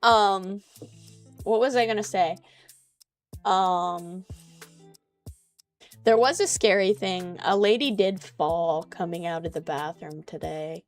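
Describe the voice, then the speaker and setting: A young woman livestreamer talks casually with her chat at an unhurried pace. She rambles and pokes fun at herself, filling pauses with "um" and "like." Soft music plays faintly in the background. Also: fairly low pitch. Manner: rambling and self-deprecating, many "um" and "like" fillers.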